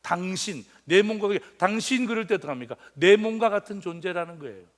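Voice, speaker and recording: A man in his fifties preaching a sermon with playful humor. His voice sits high and leaps about in pitch. He jumps from loud, excited exclamations to quiet, murmured asides. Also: brisk. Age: 50s. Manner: animated, joking, swings between loud exclamations and quiet asides. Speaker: pastor.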